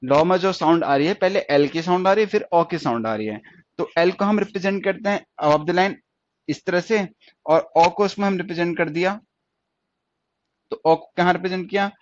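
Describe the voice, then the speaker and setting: In a dull, dry, lo-fi recording, a stenography teacher with a high male voice speaks at normal speed during a classroom shorthand lesson. He explains things step by step, repeating each point and asking questions to check understanding.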